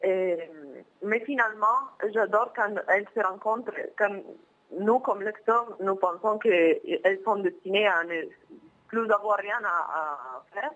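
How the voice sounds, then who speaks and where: A woman's voice: medium pitch, unhurried, fairly bright tone. Italian-accented young woman on a phone line. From Milan, northern Italy. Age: young adult. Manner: hesitant, searching for words. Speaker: phone guest. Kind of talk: casual interview. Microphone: telephone.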